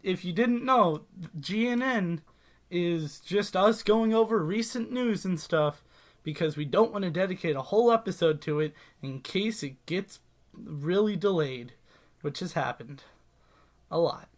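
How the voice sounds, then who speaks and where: Young guy with a high voice, jokey fake news anchor bit on a casual podcast. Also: a little slow. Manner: playful, jokey anchor banter. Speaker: podcast co-host. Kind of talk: casual mock news chat.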